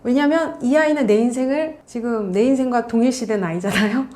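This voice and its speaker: A woman's voice: fairly high pitch, normal speed, a little mellow. Earnest woman coaching parents. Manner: earnest, coaching tone, acts out parent and child lines. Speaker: college counselor and parenting author. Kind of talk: parenting advice talk to camera.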